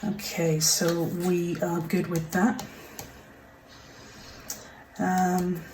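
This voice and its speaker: A woman with a fairly low voice talks slowly through a casual crafting tutorial, chatty and apologetic, now and then slipping into a half-whisper. She sits some way from the mic in a roomy space, and dishes and pans clatter clearly in the background. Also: level tone, a little mellow, a little hiss or hum. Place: home craft desk. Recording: roomy, mic set far off, kitchen clatter behind.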